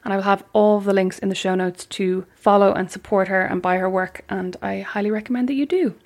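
A woman hosting a casual podcast interview, chatty and quick to laugh. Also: medium pitch, steady tone, darkish tone. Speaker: podcast host. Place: remote call, lives in the States.

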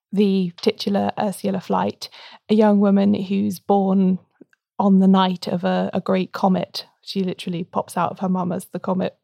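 A woman's voice: medium pitch, vocal fry, warm tone, no echo, clean studio sound. A woman co-hosting a podcast, talking casually and articulately in a book discussion. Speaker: podcast co-host.

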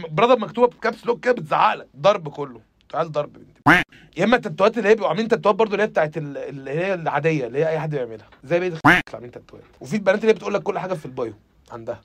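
A man's voice: on the high side, very fast, fairly bright tone, slightly rough, no echo. A young man with an Egyptian Arabic accent, hosting a comedy podcast and riffing mockingly, slipping into impressions. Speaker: podcast host.

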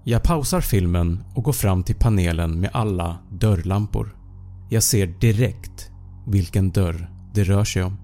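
A man narrating a first-person horror story in a measured, suspenseful way. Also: low-pitched, warm tone, soft background music. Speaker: podcast narrator.

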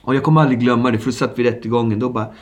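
In a steady, mid-range voice, a forties-aged man from suburban Stockholm, Sweden, looks back on his life as an interview guest. He tells it candidly, using slang, colorful detail and sound effects.

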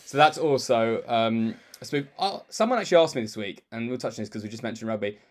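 A man's voice: medium pitch, animated, quick pace. A man, co-hosting a podcast in casual chat, telling stories and laughing often. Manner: laughs often, storytelling, playful. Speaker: podcast co-host.

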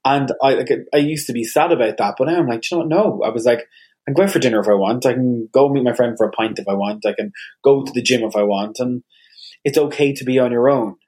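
An Irish man chatting candidly as a podcast guest, open and quick with asides. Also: medium pitch, darkish tone, slightly rough. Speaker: guest, radio presenter. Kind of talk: casual podcast chat.

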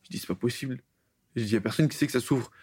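A man's voice: medium pitch, racing, darkish tone, husky, no room sound, clean studio sound. A young man co-hosting a podcast, telling stories casually with lots of fillers. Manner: rambling with many fillers. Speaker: podcast co-host. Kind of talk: casual chat, storytelling.

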